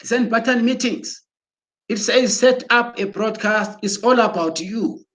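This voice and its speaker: This is a man's promotional pep talk as a broadcaster, delivered with excitement in a voice pitched high for a male. He goes at a slow, deliberate pace and keeps repeating and restarting words, apparently on a computer mic as he shares his screen.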